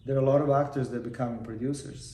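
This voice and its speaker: Warm and rapid-fire, this easygoing Croatian man in his fifties, a film producer and actor, talks as an interview guest at a steady medium pitch. He rambles with restarts, and the Los Angeles room he's in sounds echoey with faint background noise.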